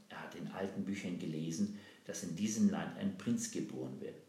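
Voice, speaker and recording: A grieving, secretive mother from a storybook, played by a man. She speaks in hushed, urgent tones over a deep, gravelly voice. The room adds an echo. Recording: roomy echo.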